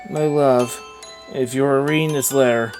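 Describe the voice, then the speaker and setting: A man's voice: medium pitch, fairly even intonation, normal speed, over music, natural voice. A man voicing a devoted wife's farewell letter in a video game, solemn and poetic. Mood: tender, mournful. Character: tender, devoted dying wife writing farewell letter.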